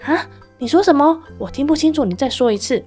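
A small puppy from a children's storybook, as a woman puts it on, pitched high and loud. Feisty and playful, it gives each line a bold, lively punch. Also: a little fast, soft background music.

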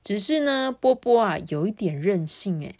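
A woman reading a picture book to children in a lively, sing-song way. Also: medium pitch, normal speed. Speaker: storyteller.

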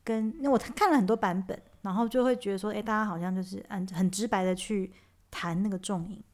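A woman's voice: medium pitch, quick pace, darkish tone. A woman chats about rehearsing a piece, often checking for agreement. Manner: chatty, asks for agreement. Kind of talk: casual music discussion.

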